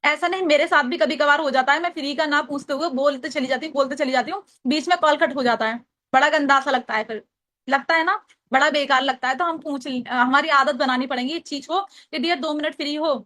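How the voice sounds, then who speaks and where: A woman from Agra, Uttar Pradesh, with a high, sharp voice and a Hindi accent, trains people on phone call scripts, speaking a little fast. In this casual training talk with role-played calls, she explains each step and repeats lines so listeners can take notes.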